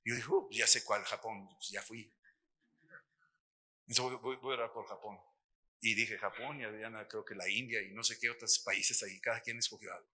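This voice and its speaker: A middle-aged Mexican man giving a lively testimony sermon at a missions workshop, acting out the dialogue as he tells the story. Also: on the low side, normal speed, breathy edge. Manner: animated storytelling, acts out dialogue.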